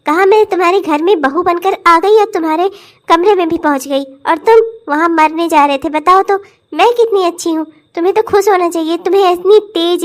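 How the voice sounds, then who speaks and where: A voice actor playing a cheeky, scheming young bride coaxing her husband in a cartoon comedy. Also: very high-pitched. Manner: wheedling, cheeky, self-assured. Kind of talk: cartoon voice acting.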